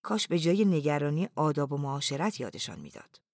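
A reader voicing a sharp-tongued young wife with a pert, raised voice. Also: mid-range voice, big pitch swings, dry recording, studio quality. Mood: tart.

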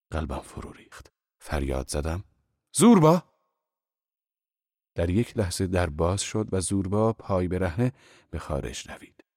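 Deep male audiobook narrator, calm and measured, dry close recording. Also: dry recording. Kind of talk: scripted literary narration.

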